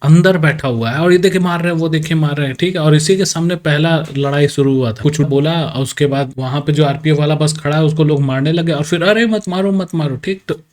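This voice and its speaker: A man delivers casual reaction commentary to his viewers in a slightly high voice. He is blunt and argumentative, addressing his audience directly as he argues his point. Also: steady tone, brisk, few pauses, a little mellow. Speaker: video commentator.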